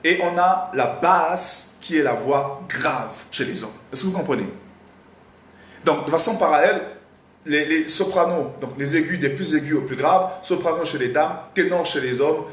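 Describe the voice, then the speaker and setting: A slightly hoarse man teaching a live online singing lesson, animated and repetitive, often stopping to quiz his audience. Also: on the high side, moderate pace. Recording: roomy echo, faint background noise.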